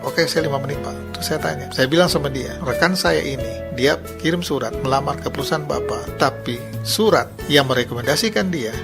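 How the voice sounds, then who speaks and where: A man's voice: mid-range voice, brisk, creaky, over music. A man pastor preaching a sermon, telling a story and acting out the people in it, then leading a prayer. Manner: animated storytelling, acting out quoted speakers.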